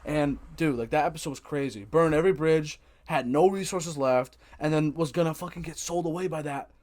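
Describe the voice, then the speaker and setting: A man in his twenties hosting a podcast, rambling and animated as he retells scenes, swearing freely. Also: a little high, fairly quick. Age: 20s. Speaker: podcast host. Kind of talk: casual chat.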